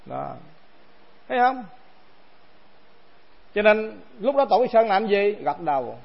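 Man, monk teacher, high voice, chatty dharma talk, lo-fi sound. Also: sing-song, slow pace, creaky. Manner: conversational, asks the assembly rhetorical questions. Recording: dull lo-fi recording.

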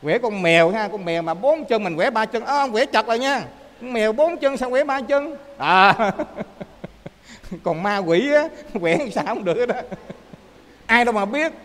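A man with a Southern Vietnamese accent, a Buddhist monk giving a lively dharma talk that often checks in with his listeners. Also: high voice, moderate pace, big-room sound. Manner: lively storyteller, often asks listeners to confirm.

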